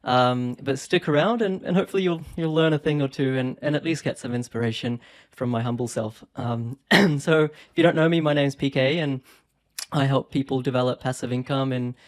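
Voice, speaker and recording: A man's voice: mid-range voice, fairly quick. A man in his thirties with a New Zealand and Australian accent, talking casually and upbeat to camera about investing, with small laughs and many ums. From born in India, raised in New Zealand and Australia. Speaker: property investment YouTuber. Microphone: phone.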